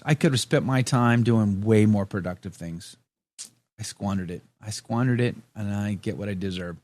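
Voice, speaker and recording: A man's voice: medium pitch, no room sound. A man hosting a radio show, chatting casually, reading out listener comments and joking at his own expense, with lots of restarts. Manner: rambling, self-deprecating, frequent restarts and fillers.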